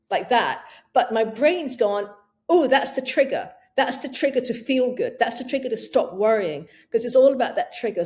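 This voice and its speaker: A middle-aged woman coaching through an interview, lively and expressive. She jumps into little acted-out voices of her own thoughts, and her pitch swings up and down a lot. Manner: animated, acts out inner voices. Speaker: menopause coach. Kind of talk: interview answers.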